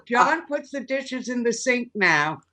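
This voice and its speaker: An older woman from the congregation giving motherly advice in an unhurried way. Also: on the high side, big pitch swings, sharp tone.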